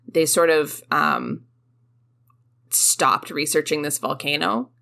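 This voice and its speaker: Game master, tabletop game, casual, hesitant, gravelly, bright. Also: mid-range voice, sing-song, slow. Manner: casual, hesitant, many fillers.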